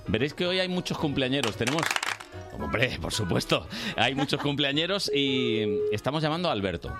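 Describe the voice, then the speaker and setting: Male morning radio host, lively swooping intonation, teasing banter, clear music bed. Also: mid-range voice, brisk. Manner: playful, teasing, exclamatory. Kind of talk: casual live chat on a morning radio show. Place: radio studio. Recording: music playing behind.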